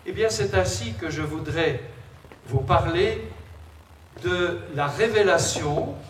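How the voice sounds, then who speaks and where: A man giving a religious lecture as a priest, explaining things with conversational asides to his listeners, in a large, echoing space. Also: high-pitched. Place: large reverberant indoor space. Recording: echoey hall, distant mic, background noise.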